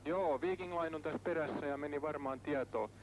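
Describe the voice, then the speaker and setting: A man's voice: a little high, fairly quick. A man, a ship's officer, answering a call over marine radio. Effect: marine radio transmission. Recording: very noisy, crackling VHF marine radio.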